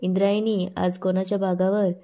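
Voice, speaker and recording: A woman's voice: medium pitch, flat delivery, moderate pace, warm tone, slight background noise, natural voice. A woman voicing a sly older man who teases a girl and warns her to keep his secret.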